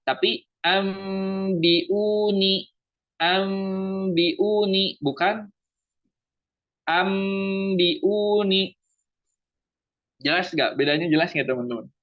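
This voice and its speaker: A man teaching Quran recitation in an online class. He explains each rule as question and answer and slows down to demonstrate the recitation. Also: a little high. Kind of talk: online tajwid lesson. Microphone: online class microphone. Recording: dull lo-fi online audio.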